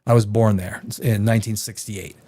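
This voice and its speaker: A man in his fifties, born in Czechoslovakia but raised elsewhere, hosts a live stream and reads viewer comments aloud. His voice is fairly low and dark, with fairly even intonation and a normal speed. He rambles and gives plenty of opinions, often restarting his sentences.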